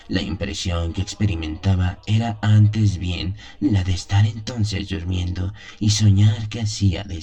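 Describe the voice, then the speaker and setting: Playing a haunted, wistful country priest in his seventies, a man delivers a dramatised first-person radio monologue like a confession. He speaks very low with a dark tone, telling his story deliberately and pausing heavily.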